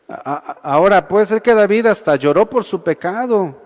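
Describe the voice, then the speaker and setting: A man's voice: sits high, expressive, normal speed. A man with a Mexican accent preaching a sermon to young adults in a conversational way, often asking his listeners whether they agree. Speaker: youth pastor. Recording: long reverb of a large hall.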